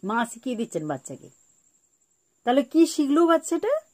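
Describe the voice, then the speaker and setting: A woman giving a spiritual talk on parenting, repeating her key points slowly like a teacher. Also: high-pitched, big pitch swings, dark tone. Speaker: spiritual speaker.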